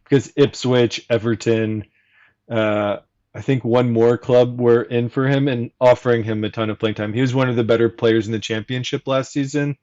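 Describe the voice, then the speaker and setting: A man chatting as a fan guest on a casual podcast, explaining his points at length in a measured, analytical way. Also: medium pitch, fairly even intonation, darkish tone, highs cut off.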